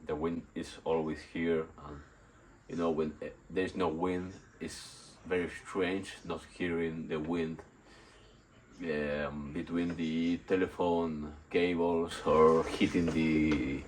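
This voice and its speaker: Male workout vlogger, unwell, very deep voice, hesitant casual delivery, noticeable background noise on an outdoor phone recording. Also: steady tone, rough recording. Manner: halting, rambling, repeats and searches for words. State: sick and nauseous. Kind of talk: casual unscripted workout vlog. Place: outdoors in a still yard under a tarp. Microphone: phone on a tripod.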